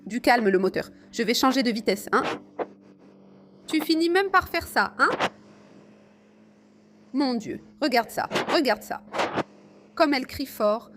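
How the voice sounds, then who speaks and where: A woman with a fairly high voice talks to her viewers while riding a motorcycle through a rainy city. Her delivery is chatty and full of exclamations, aimed at her audience as friends. A faint hum of street and engine noise sits under the voice. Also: animated, slow, long pauses. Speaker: motovlogger. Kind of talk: casual riding commentary. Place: riding a motorcycle outdoors in city traffic in rain.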